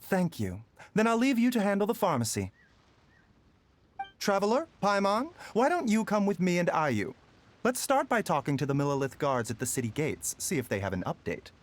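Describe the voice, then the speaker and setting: A man voicing a courteous, composed young doctor in an anime game, soft and light in voice, with polite, measured phrasing. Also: sits high, big pitch swings, a little hiss or hum.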